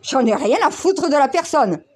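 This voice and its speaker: A woman's voice: high-pitched, expressive, moderate pace. A woman vlogger giving a heated, blunt monologue and swearing freely. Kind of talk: casual ranting monologue.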